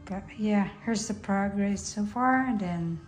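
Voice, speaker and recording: Filming on her phone, a woman walks through a bare room under renovation, chatting haltingly and cheering on her husband's work for her home renovation vlog. Her voice sits at a medium pitch, with faint music behind her. The empty indoor space sounds echoey, with background noise in the recording.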